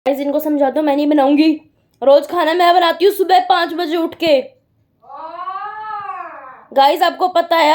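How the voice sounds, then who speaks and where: A teenage girl talks straight to her phone camera in a casual home vlog. Her voice sits high, and she keeps things chatty and giggly, playfully protesting to her mother. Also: darkish tone. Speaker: vlogger. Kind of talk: casual family vlog chat.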